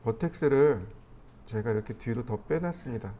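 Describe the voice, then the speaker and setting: A man teaching a 3D modeling class, explaining each step as he clicks through the software. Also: mid-range voice, lively intonation, normal speed. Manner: step-by-step explaining, thinking aloud while clicking. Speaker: 3D modeling instructor. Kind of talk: screen-recorded software tutorial.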